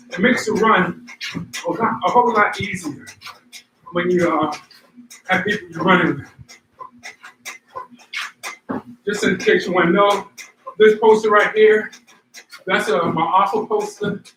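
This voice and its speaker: Speaking a little slowly with long pauses, a man with a high, steady, slightly bright voice hosts a running workout vlog. He talks to viewers in a casual, motivating way as he runs and power walks. The recording sounds roomy, with a distant mic and faint noise.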